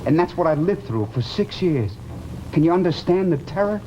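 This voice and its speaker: A man's voice: high-pitched, lively intonation, normal speed, dark tone. An actor playing a haunted, guilt-ridden man confessing his fear of death, intense and brooding in the manner of 1950s television drama. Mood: haunted dread. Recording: muffled, noisy old television soundtrack.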